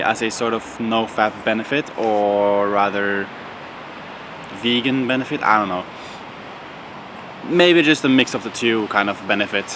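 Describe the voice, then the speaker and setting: A young man talks casually to his viewers, with a bright, forward tone that sits a little low in pitch. He meanders, full of ums and restarts. Faint traffic and street sounds hum behind him outdoors. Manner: rambling, many fillers and restarts. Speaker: vlogger. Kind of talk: casual vlog monologue.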